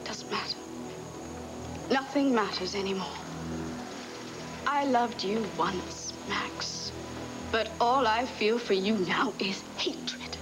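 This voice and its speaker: Actress playing a wounded, proud soap-opera woman over loud music. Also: a little high, animated, normal speed, lightly acted, low-quality recording. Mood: quiet despair. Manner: dramatic, emotional, bitterly emphatic. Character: wounded, proud, defiant woman scorned by former lover. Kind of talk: television soap opera acting.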